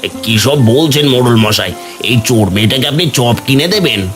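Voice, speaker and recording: A man's voice: medium pitch, brisk, a bit bright, soft background music, close to an everyday voice. A man voicing a stingy, scolding village snack seller. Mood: angry. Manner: scolding, harsh. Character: gruff middle-aged male snack seller, stingy.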